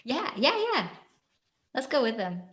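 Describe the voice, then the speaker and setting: A woman's voice: on the high side, big pitch swings, unhurried, a bit bright. A woman playing in a tabletop game, reacting eagerly and chattily. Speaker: player. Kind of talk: casual tabletop play.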